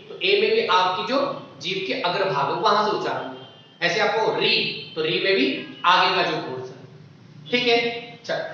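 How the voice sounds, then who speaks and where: A man's voice: high-pitched, sharp tone. A man teaching a lesson, asking rhetorical questions and drawing out sounds as examples, recorded far from the mic in an echoey room with dull lo-fi sound. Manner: repeats checks like "ठीक है" and rhetorical questions, draws out vowel sounds. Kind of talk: classroom lesson on Hindi phonetics.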